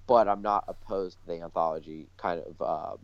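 A podcast co-host with a low-pitched voice chats casually at a moderate pace and steady tone, speaking in tentative, stop-and-start phrases. The recording is dull and lo-fi, with a roomy echo.

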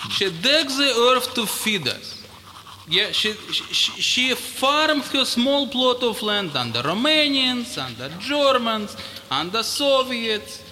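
A man doing a gruff Moldovan immigrant dad. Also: very high-pitched, takes it slowly, a little hiss or hum, exaggerated voice. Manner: broken English, blunt and deadpan. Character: grumpy middle-aged Moldovan immigrant father, ex-teacher. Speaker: immigrant neighbor character. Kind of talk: improvised comedy sketch.

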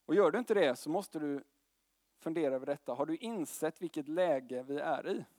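Young male preacher, high voice, dry close sound, casual slangy sermon delivery. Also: animated, a little mellow, no echo. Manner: conversational preaching with slang and tag questions.

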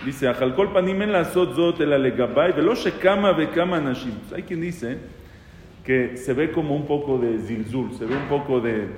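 A rabbi teaching a casual lesson on prayer law, talking conversationally, asking questions and quoting prayers aloud. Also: male voice, on the high side, normal speed, darkish tone, slight background noise. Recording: echoey hall with faint ambience.

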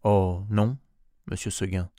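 A man's voice: low voice, fairly even intonation, slow pace, warm tone, dry recording, clean studio sound. A man voicing Blanquette, a stubborn little goat. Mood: insistent. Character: young female goat, gentle but stubborn, longing for freedom.

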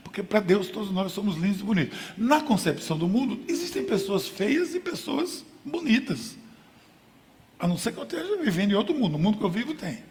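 A man's voice: high-pitched, expressive, racing, hardly any pauses, a little mellow, slight background noise. Preaching man in a reverberant hall. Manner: emphatic preaching with contrasts and rhetorical questions. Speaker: pastor. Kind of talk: sermon.

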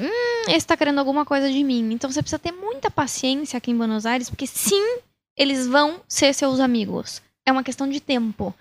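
Calm woman with a high voice. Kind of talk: casual talk to camera.

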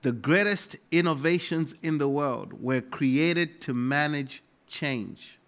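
Animated and fairly high-pitched with a slightly bright edge, a middle-aged pastor with a Malawian accent delivers his sermon. He is emphatic, repeating key phrases by design.

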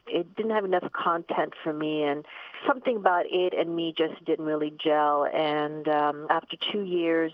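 A woman's voice: low voice, no room sound. Older woman on a tinny phone line. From Cuba, raised in Miami. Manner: chatty, many fillers and restarts, laughs often. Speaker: guest, ballet company artistic director. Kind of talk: podcast interview.

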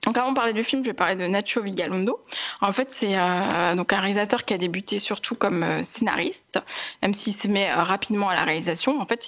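A woman's voice: medium pitch, fairly bright tone. A young woman hosting a casual film chat, chatty, with many fillers and restarts. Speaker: film podcast host.

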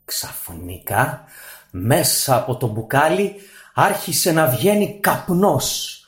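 A man narrating a fairy tale for radio in a dramatic, expressive way. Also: fairly high pitch. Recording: roomy studio echo.

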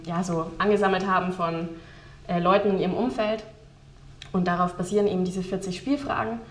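Woman guest, rambling and laughing; echoey room sound. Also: medium pitch. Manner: rambling, many fillers, laughs often. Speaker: guest, game developer. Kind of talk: casual podcast interview.

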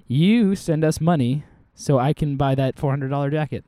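A man co-hosting a podcast in easy casual chat. His voice is dark and mellow, recorded dry and close on a desk mic. He jokes around and laughs a lot. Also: on the high side, moderate pace, no room sound. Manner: joking, laughs often. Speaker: podcast co-host. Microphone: desk microphone.

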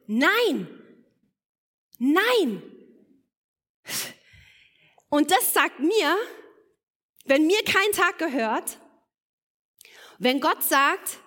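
High-voiced woman preaching in a reverberant hall. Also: a bit bright. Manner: earnest, building to emphatic exhortation. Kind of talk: sermon. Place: church hall. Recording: long reverb of a church hall.

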